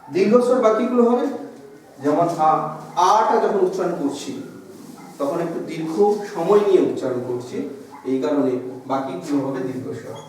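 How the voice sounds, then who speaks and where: A man's voice: on the high side, expressive, brisk, a little mellow. A man teaching a grammar lesson in a classroom, explaining step by step and drawing out sounds to demonstrate them. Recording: echoey room from far off.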